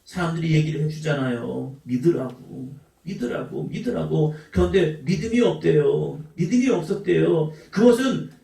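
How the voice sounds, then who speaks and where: High gravelly Korean pastor preaching. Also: male voice, expressive, moderate pace, hardly any pauses. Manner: emphatic preaching, shifts between shouts and soft asides. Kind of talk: sermon. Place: church sanctuary. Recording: echoey church hall from a distant mic.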